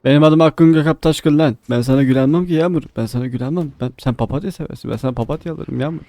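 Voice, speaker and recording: A man voicing a lovesick, rambling drunk who talks haltingly and repeats himself in a game voice chat. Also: on the high side, dark tone, faint music behind, natural voice. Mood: maudlin.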